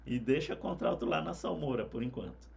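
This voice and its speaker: A man, a singing teacher explaining harmony parts in a relaxed, conversational way. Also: mid-range voice, fairly quick, vocal fry, highs cut off. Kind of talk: explaining vocal harmony with sung examples.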